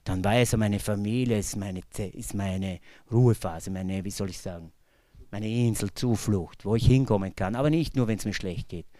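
A man with an Austrian accent giving an earnest personal testimony, his voice swinging between loud emphasis and hushed low tones. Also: moderate pace, dry recording, studio quality. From Bucklige Welt, Lower Austria. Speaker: speaker from a faith-based recovery community. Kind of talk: personal testimony talk to an audience.

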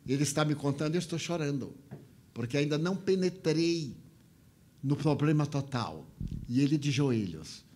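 An older man telling a heartfelt story in a spiritual talk, his voice swinging between soft and raised. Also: on the high side, animated, moderate pace.

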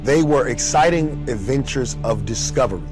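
A young man telling his personal testimony in an earnest, emotional way, with sudden rises in pitch. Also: animated, normal speed, music in the background. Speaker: testimony speaker.

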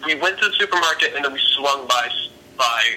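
A man on a phone speakerphone from home, chatting casually in a hesitant, laid-back way with lots of ums and pauses. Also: mid-range voice, expressive, sharp tone, low-quality recording. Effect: heard over a phone speakerphone. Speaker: phone-in guest. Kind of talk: casual improvised chat.

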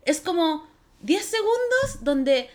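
A young Chilean woman chatting casually as a podcast co-host, animated, laughing and acting out her reactions. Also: very high voice, slow pace. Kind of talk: casual chat.

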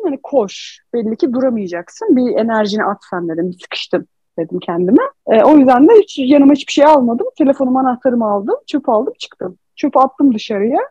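Husky higher-voiced woman, candid chat. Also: lively intonation, fairly quick, mellow, dry recording. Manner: candid, emotional storytelling. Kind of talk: casual confessional chat. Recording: dull lo-fi recording.

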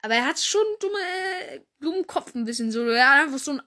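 A young woman hosting a fan podcast, chatting casually and gushing excitedly as she reads through a list. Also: sits high, fast talker. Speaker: podcast host. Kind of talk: casual fan chat reading from a wiki.

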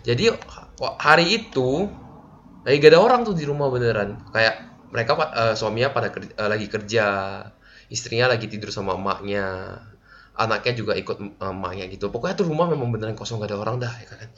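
A young man telling a horror story in casual chat, halting with fillers. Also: on the low side, lively intonation, a bit bright, dull audio.

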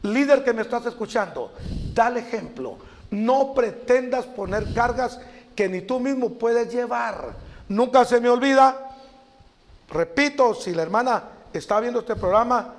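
A middle-aged preacher man with a very high voice. He tells lively stories and acts out the people he quotes, chuckling along the way. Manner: animated, acts out quotes, laughs at his own stories. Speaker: preacher guest. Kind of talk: storytelling sermon chat.

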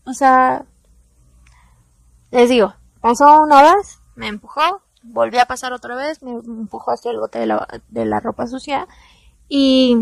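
A woman's voice: fairly high pitch, fairly even intonation, measured pace, vocal fry, no echo. Mexican woman telling a confessional story. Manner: candid, confessional, slangy, soft-spoken at times. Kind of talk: personal storytime to camera.

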